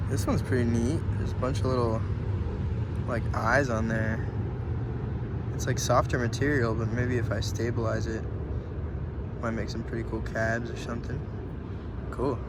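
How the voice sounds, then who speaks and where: A man's voice: medium pitch, level tone, a little slow, long pauses. A man in a casual, slangy, laid-back outdoor vlog, talking as a rockhounding hobbyist. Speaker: rockhounding vlogger. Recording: loud outdoor ambience noise.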